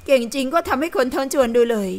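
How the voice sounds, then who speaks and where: A woman's voice: high voice, fast, lightly acted. Woman doing a sneering young nobleman. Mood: mocking. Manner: mocking, taunting.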